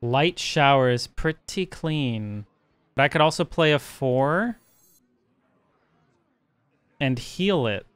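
A man calmly commentating his own card game, his voice sitting at an ordinary middle pitch. He thinks aloud in a loose, unhurried way, dropping fillers as he weighs each move, with a faint hiss of noise behind him. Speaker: streamer playing a card game. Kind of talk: casual gameplay commentary.

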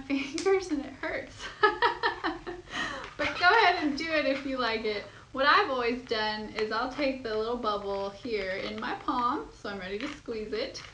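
A woman's voice: on the high side, pushed and bright. A young woman teaching balloon twisting step by step, bubbly and giggly, gushing over how cute each piece looks. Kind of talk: step-by-step tutorial. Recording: echoey room with audible noise.

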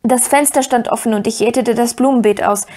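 A woman's voice: fairly high pitch, fairly even intonation, fairly quick, mellow, lightly acted. Woman voicing an eager, earnest young boy. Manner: urgent, breathless, pleading. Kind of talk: audiobook character voice.

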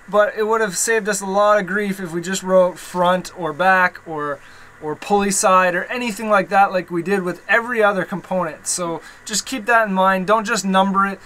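High-voiced man explaining engine repair. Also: pushed and bright, a little hiss or hum, poor audio. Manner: chatty, explanatory, self-deprecating. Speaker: sailor rebuilding a boat engine. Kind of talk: casual how-to narration. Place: cramped boat engine bay below deck.

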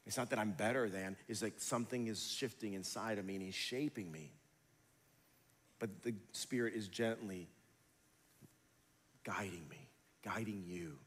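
Male pastor, conversational sermon delivery with emphatic swells, low voice, long church reverb. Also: husky. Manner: conversational preaching, rising to emphatic near the end. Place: large church sanctuary.

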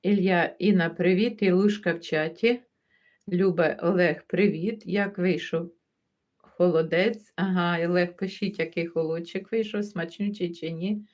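A woman's voice: fairly low pitch, fairly even intonation, unhurried. Chatty woman streamer, muffled lo-fi sound. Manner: chatty, warmly greets viewers by name one after another; easygoing, laughs as she talks. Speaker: livestream host. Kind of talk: casual chat, reading viewer comments aloud.

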